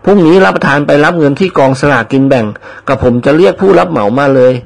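This man's voice sits on the high side and sounds gravelly, and he talks fast. In an audiobook, he voices a fawning male servant who dreams of money and slips a servile polite tic into every sentence, sounding eager.

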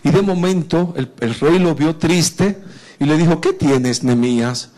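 A man with a Dominican accent preaching an informal sermon, chatty and animated, often restarting and speaking to listeners by name. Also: fairly high pitch, a little slow. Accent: Dominican Spanish.

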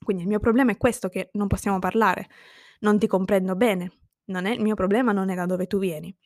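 A woman from Sicily talks straight to camera in an earnest, reflective monologue, weighing her thoughts as she goes. Her voice sits at an ordinary middle pitch, and the recording is dry and close, with no room sound. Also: steady tone, brisk, dry recording. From Sicily, Italy. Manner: earnest, reflective, thinking aloud. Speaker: vlogger. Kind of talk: personal monologue.

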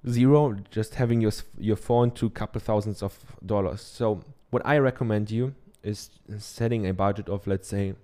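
This German-accented podcaster from Germany has a fairly low, steady, mellow voice and keeps a moderate pace with hardly any pauses. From his treated home office, he delivers a casual, chatty how-to talk into a dynamic studio mic, with many ums and tag questions.

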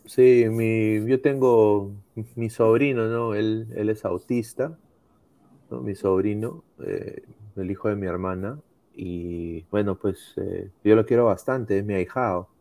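A man's voice: lowish voice, a little slow, warm tone. A man with a Peruvian accent co-hosting a casual sports talk show in a slangy, conversational way.

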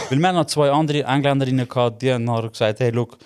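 Animated young Swiss German man telling a story. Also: mid-range voice, racing, clear, resonant tone. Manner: animated storyteller, acts out quoted dialogue. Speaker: podcast co-host. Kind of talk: casual storytelling chat.

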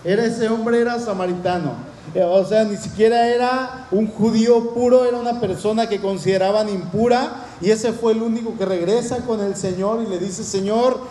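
Preacher with a high, mellow voice. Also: male voice, fairly even intonation, normal speed, slight background noise. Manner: earnest, asks the congregation questions. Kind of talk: sermon. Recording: echoey room.

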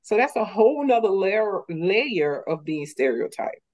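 A woman with a Deep South Geechee accent, explaining things in a measured way in a casual panel talk. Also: big pitch swings, a little mellow. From US Deep South, born up north.

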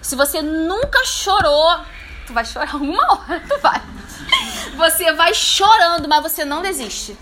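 A woman pastor preaches to a live audience at a church leadership meeting. She is lively and playful and speaks straight to her listeners. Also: very high-pitched, normal speed, slight background noise.

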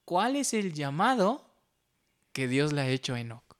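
A man's voice: a little high, sing-song, unhurried. A man hosting a faith interview, summing up and finishing his guest's sentences with emphasis.

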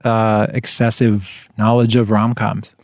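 A man's voice: lowish voice, level tone, takes it slowly, darkish tone, no room sound. A man co-hosting a podcast with casual, tongue-in-cheek banter, recorded outdoors in a backyard. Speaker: podcast co-host. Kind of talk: casual chat.

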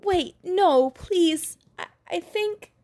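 A woman's voice: extremely high pitch, animated, drawn-out words, dark tone, pitched above the performer's own voice, exaggerated voice. A woman voicing a frail, confused and pleading stranger with a quavering voice in a read-aloud story.

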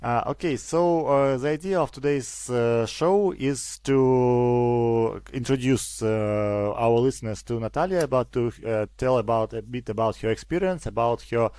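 A man's voice: medium pitch, a little slow, hardly any pauses, darkish tone, smooth, no room sound. Hesitant male podcast host, dry sound. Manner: hesitant, many fillers and restarts. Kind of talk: interviewing a guest.

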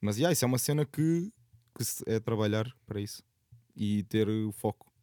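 A man's voice: fairly low pitch, animated, normal speed, mellow, no room sound, clean studio sound. A young man chats casually in a slangy, sweary, rambling way. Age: young adult. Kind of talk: casual chat.

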